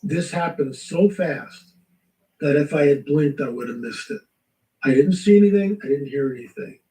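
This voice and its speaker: A man telling a spiritual testimony in lively storytelling, acting out the voices in his story. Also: on the high side, normal speed, echoey room, far from the mic, rough recording. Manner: animated storytelling, acts out quotes. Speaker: guest. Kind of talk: testimony in a talk show.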